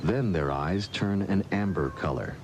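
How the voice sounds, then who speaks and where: A man reading scripted nature documentary narration in a measured, formal storytelling way. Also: low voice, heavy background noise.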